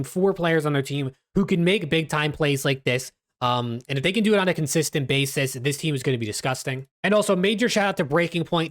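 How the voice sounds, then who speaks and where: A man giving casual esports analysis as host of a recap video, speaking a little constrained with stitches in his mouth after dental surgery. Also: on the high side. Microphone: webcam video setup.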